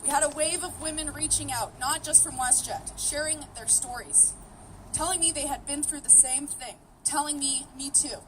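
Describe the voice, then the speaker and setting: A Canadian woman in her 30s whose first language was Greek delivers a prepared speech at an outdoor rally, earnest, steady and determined. Her voice is high and her pace normal. It is picked up from a distance, with background noise.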